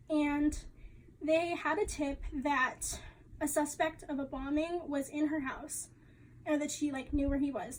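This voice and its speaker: A young woman with a high voice presents her class project in a loose, chatty way. She talks casually, with fillers along the way. There is a faint hiss of noise behind her. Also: a little mellow, low-quality recording. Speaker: student presenter.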